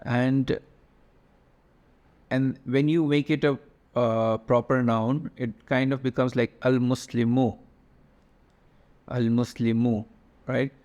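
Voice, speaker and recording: A man's voice: medium pitch, little pitch movement, takes it slowly, long pauses, darkish tone, highs cut off. A man teaching a slide-based lesson, explaining step by step with lots of fillers and restarts. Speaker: language teacher.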